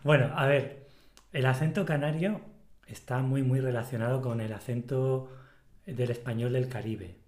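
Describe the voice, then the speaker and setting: A man's voice: medium pitch, moderate pace, a little mellow. A man from Spain, hosting a casual podcast chat and explaining things at length, often restarting his phrases. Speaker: podcast host. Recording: echoey room.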